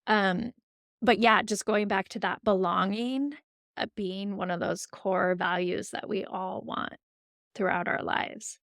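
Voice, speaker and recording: A woman's voice: mid-range voice, steady tone, a little slow, gravelly, a bit bright, no echo, clean studio sound. A woman sober coach hosting a casual podcast conversation, supportive and asking follow-up questions.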